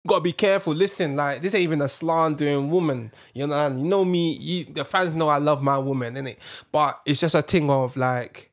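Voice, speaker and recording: A young man talks in a fairly high voice with an urban London roadman accent. He banters casually as a co-host, packing his speech with slang and tag questions. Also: steady tone, a little fast, few pauses. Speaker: talk show co-host.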